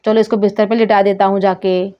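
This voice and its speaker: A woman's voice: medium pitch, little pitch movement, a little fast, lightly acted. A woman voicing a worried grown man who pleads with a doctor and grumbles about her fee, in a doll story. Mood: scolding. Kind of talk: doll story role-play. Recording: dull lo-fi sound.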